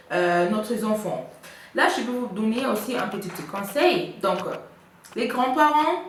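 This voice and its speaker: A woman's voice: fairly high pitch, fairly bright tone. Female vlogger from Congo, casual advice chat, hesitant, very echoey room with faint noise. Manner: chatty, with frequent hesitations. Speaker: vlogger giving couple advice.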